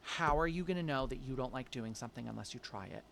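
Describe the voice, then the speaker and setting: A man doing a casual tarot reading, coaxing and chatty, calling listeners babe, swinging between loud and soft. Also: mid-range voice, fast, gravelly, slight background noise. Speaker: tarot reader.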